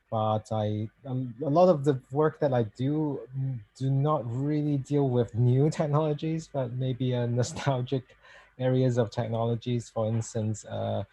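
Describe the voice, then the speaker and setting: A man's voice: medium pitch, mellow, muffled recording. A man introducing himself in an online panel, speaking hesitantly with many fillers over a video call. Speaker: guest artist and lecturer. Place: home or office on a video call.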